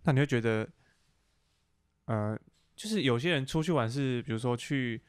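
A man's voice: mid-range voice, moderate pace, clean tone, no echo, studio quality. A young man from Taiwan hosting a podcast, asking blunt, teasing questions in a casual interview chat. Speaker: podcast host.

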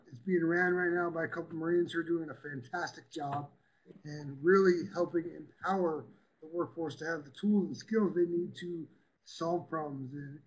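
A man giving a quick, upbeat, chatty presentation in an online meeting. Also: fairly high pitch, breathy edge, poor audio.

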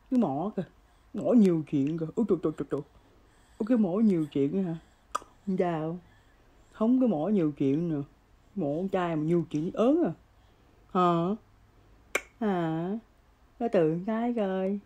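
A woman's voice: on the low side, warm tone. A woman in a home vlog talking to her baby son in teasing, playful baby talk, repeating her words. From Vietnam.

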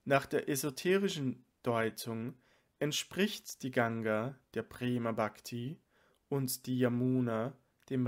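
Slow, calm male audiobook reader. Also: mid-range voice. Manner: calm, measured reading. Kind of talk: scripted narration.

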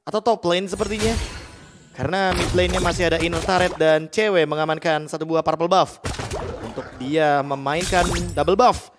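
High-voiced male game announcer, emphatic. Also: fairly even intonation, moderate pace. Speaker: esports shoutcaster. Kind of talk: fighting game announcer style live commentary. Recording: music under the commentary. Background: music.

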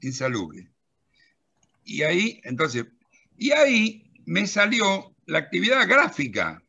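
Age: middle-aged. Sex: man. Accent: Rioplatense Spanish. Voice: bright, lively pitch. Audio: lo-fi video call. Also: a little slow, gravelly, husky. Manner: animated, telling an anecdote and directing a helper at the screen. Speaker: presenter of a pension-law software and magazine. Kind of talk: live software demonstration on a video call.

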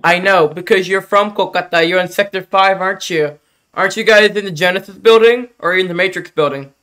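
A young man on a prank call with a scammer, talking in a calm, deadpan way and spelling words out patiently. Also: high-pitched, fairly quick. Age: young adult. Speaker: scam baiter.

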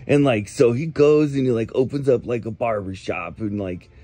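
In a dry recording, a comic voicemail caller with a warm, medium-pitched, animated voice rambles casually. His slacker delivery stretches out words, leans heavily on "like," and is sprinkled with chuckles.

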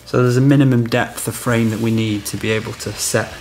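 Fairly quick and steady in tone, this man's mid-range voice has a darkish quality, with slight background noise. He's an electrician in his thirties explaining a job step by step during a practical product demonstration in a small house room.

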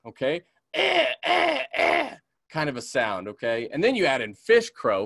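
This community naturalist, a man from the American West, teaches beginners to identify birds in a webinar. His voice sits on the high side with a fairly bright tone, and he mimics bird calls while checking in with "okay?" The sound is dry and clean, like a studio.

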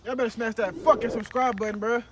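High-pitched young man, mouth burning from spicy food. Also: steady tone, quick pace. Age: young adult. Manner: agitated, slangy, profane. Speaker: vlogger doing a food challenge. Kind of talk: casual vlog talk to camera. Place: outdoors on stone steps in a park. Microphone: camera held by another person, some distance away. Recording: distant camera mic, faint outdoor noise.

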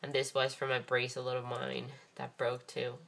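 Female craft vlogger with a hoarse morning rasp and a very deep voice, talking loose and chatty with frequent ums. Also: completely flat delivery, moderate pace, a bit bright. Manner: chatty and rambling, many ums and restarts. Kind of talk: casual craft show-and-tell.

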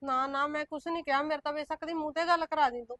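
Brief: actress as a meek village widow, high and quick, pleading, close dry sound. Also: female voice, steady tone, fairly bright tone, dry recording. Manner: pleading, swearing innocence. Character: pleading widowed woman with small children, meek. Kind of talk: village short-film drama.

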